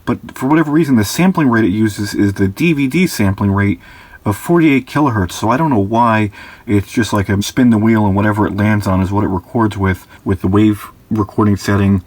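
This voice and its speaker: Low-ish guy nerding out over recorder specs, kinda fed up with it. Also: a little fast, darkish tone. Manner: detailed technical explainer, mildly exasperated. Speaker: gadget reviewer. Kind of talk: product review with audio tests.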